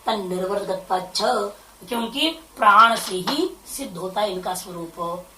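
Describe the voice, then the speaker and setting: A woman's voice: mid-range voice, normal speed, pushed and bright. A woman, a spiritual teacher, giving a scripture commentary lecture, explaining Sanskrit phrases line by line and asking rhetorical questions. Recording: echoey room, far from the mic.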